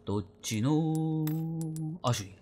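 A man's voice: fairly high pitch, a little slow. A man with a Kansai accent doing jokey let's-play commentary on a horror game. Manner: excitable, jokey, reads game text aloud. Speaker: game streamer.

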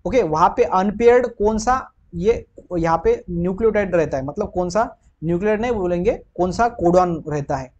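A man's voice: high-pitched, fairly quick, highs cut off. An Indian man teaching biology, working through exam questions and mixing Hindi with English, asking the listeners questions and answering them himself.

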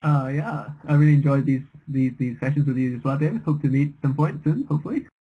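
A man's voice: a little high, fast, slightly rough, phone-quality sound. A young man analysing bridge bidding as a commentator, thoughtful and a little hesitant. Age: young adult.

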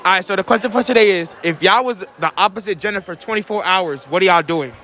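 A teenage boy interviewing classmates in a loud school cafeteria, laughing often and repeating his question into a phone. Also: high voice, fast talker, a little hiss or hum. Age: teens. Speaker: street-style interviewer. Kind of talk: casual hype interviewing. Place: school cafeteria and auditorium, indoors. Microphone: phone held out to guests. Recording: loud chatter and hip hop music behind.

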